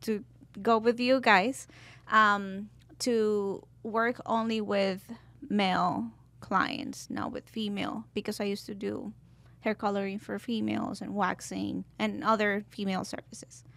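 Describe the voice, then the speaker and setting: A Colombian-born woman in her twenties, a guest barber in a podcast interview, telling her story in a thoughtful, lightly halting way. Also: medium pitch, fairly even intonation, vocal fry, a bit bright, no echo. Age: 20s. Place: podcast studio.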